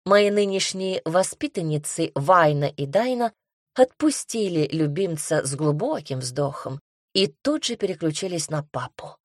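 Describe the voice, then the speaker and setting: A woman narrates a first-person fantasy audiobook with lively, wry irony. Her voice sits on the low side for a woman. The recording is close and dry, with no room sound. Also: unhurried, no echo.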